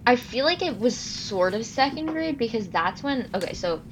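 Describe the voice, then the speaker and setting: A woman's voice: on the high side, lively intonation, moderate pace, a little hiss or hum, low-quality recording. A nineteen-year-old woman from California, telling stories on a casual podcast with detours and self-corrections. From Los Angeles, California. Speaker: podcast co-host. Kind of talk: casual storytelling chat.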